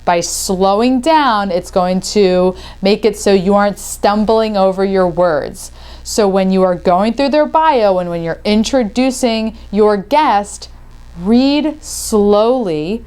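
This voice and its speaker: A woman from the US, hosting her podcast show and giving energetic, chatty tips. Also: mid-range voice, measured pace, smooth. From Northeastern United States. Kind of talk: upbeat video tips talk to camera.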